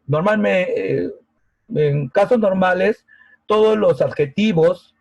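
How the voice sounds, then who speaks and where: A man's voice: fairly high pitch, husky, no echo, poor audio. A man teaching a grammar lesson over a video call, patient and often checking that students follow. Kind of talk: online grammar class. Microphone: laptop mic on a video call.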